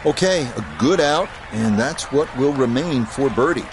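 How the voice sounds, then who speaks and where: A man voicing a measured golf commentator for a video game broadcast. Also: medium pitch, expressive, background noise, close to an everyday voice. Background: music and outdoor crowd.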